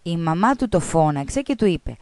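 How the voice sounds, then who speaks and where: A woman with a Greek accent, reading children's stories with a co-host on a radio show in a playful, animated way. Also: lowish voice, dry recording, studio quality. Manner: animated, playing a scolding teacher's lines.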